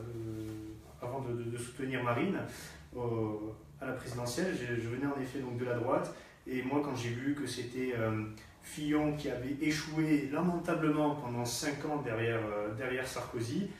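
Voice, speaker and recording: A man's voice: medium pitch, a little hiss or hum. Hesitant man in an echoey room. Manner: hesitant, many fillers and repeated words. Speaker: party activist. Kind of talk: live political discussion. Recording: distant echoey room sound.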